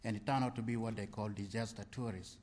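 A man's voice: lowish voice, fairly even intonation, quick pace, a little mellow. A man from Uganda in the audience, asking a long, earnest question.

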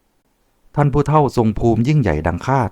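A man voicing a cheeky young nobleman in an audiobook, flattering and wheedling in manner. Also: mid-range voice, brisk, pitched above the performer's own voice, natural voice. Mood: fawning.

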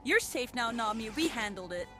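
A woman's voice: a little high, expressive, moderate pace, bright, forceful tone, faint music behind. A woman voicing a cheerful, carefree young male pirate captain in a cartoon, goofy and confident.

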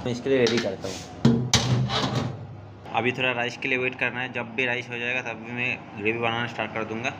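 A man's voice: medium pitch, flat delivery, fairly quick, pauses often, very noisy. A man casually narrating his cooking step by step in a home kitchen, talking to his viewers as friends. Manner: chatty, step-by-step, keeps saying "friends". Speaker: cooking vlogger.

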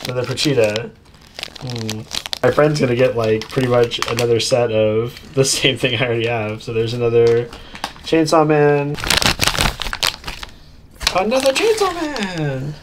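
Medium in pitch and expressive, the man speaks unhurriedly with long pauses. He's hosting an unboxing video indoors at a tabletop, keeping the commentary casual and chatty and tossing easygoing asides to viewers. The clip has clear background noise of crinkling packaging and plastic bags, along with clicks.

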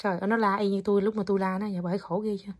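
A mother with a Southern Vietnamese accent talking to her toddler at home, coaxing and gently scolding in a casual chatty way. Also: medium pitch, little pitch movement, racing, very noisy. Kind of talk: casual home video chat.

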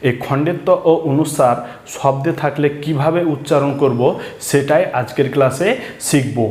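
A man's voice: mid-range voice, moderate pace, a little mellow, echoey room. A man with a Bangladeshi Bengali accent teaching a children's reading lesson, patiently spelling out letters and asking questions.

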